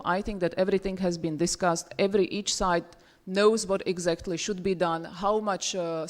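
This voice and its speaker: A woman from Czechoslovakia speaking English at a roundtable discussion, pausing often with fillers and restarting her sentences. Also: fairly low pitch. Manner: hesitant, many fillers and restarts. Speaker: roundtable panelist. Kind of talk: conference panel remarks. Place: university seminar room.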